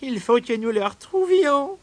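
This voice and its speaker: A man's voice: extremely high pitch, very animated, a little slow, pitched above the performer's own voice, full character voice. A man voicing a male reindeer in a storybook, plaintive and speaking with grandeur. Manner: plaintive, then lordly.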